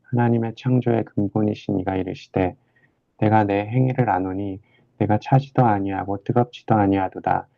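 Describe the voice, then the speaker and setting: Low gravelly guy reading bible verses slow, dull lo-fi sound, dry. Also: steady tone, no room sound. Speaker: scripture reader. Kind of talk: reading scripture aloud.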